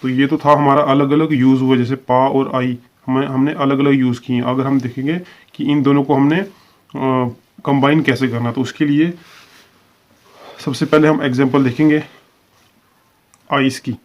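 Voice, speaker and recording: A man with a medium-pitched, darkish voice keeps a level tone at normal speed, leaving long pauses. He teaches shorthand in a step-by-step video lesson, explaining each example patiently, repeating phrases and drawing out the example words, captured on a dull, lo-fi recording.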